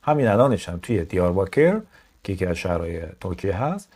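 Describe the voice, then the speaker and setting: A Persian-speaking man teaching French from a news article. He reads each sentence slowly, then explains it, and asks his viewers questions. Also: deep voice, sing-song, a little mellow. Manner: addresses viewers as kids, asks them questions.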